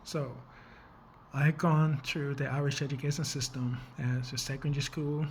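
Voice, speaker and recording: A young man from the Congo, a nonprofit founder, making an earnest, measured funding pitch with some fillers and small restarts. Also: flat delivery, slight background noise.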